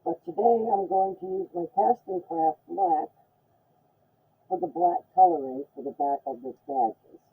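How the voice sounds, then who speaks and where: A man's voice: high voice, a little slow, husky. Man muffled behind a respirator mask. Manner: chatty, explains each step as he works. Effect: muffled, speaking through a respirator mask. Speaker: resin craft tutor. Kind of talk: casual how-to demonstration. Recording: dull, muffled mic inside a mask.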